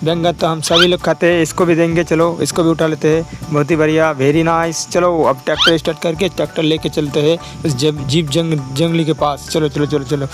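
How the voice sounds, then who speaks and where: A man hosting a kids' toy video, narrating with excitement and repeating his exclamations over and over. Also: on the high side, normal speed, few pauses. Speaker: host narrating toy play for kids. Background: background music.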